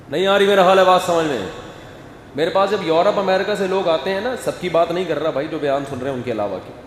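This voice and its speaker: Animated male preacher in echoey hall. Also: high-pitched, slight background noise. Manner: animated, acts out family scenes. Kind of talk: sermon. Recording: echoey hall, faint ambience.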